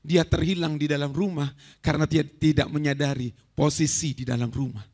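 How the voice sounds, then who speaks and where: A man preaching a lively storytelling sermon in a church hall. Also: on the high side, brisk. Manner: lively, storytelling, addresses listeners as saudaraku.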